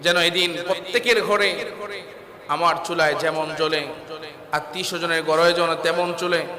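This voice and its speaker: A man's voice: a little high, fairly even intonation, moderate pace. A Bangladeshi man preaching an Eid sermon as an imam, exhorting the congregation and prompting them to answer back. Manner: recites Arabic verses within the talk. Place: large reverberant mosque, congregation behind. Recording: echoey mosque PA with crowd.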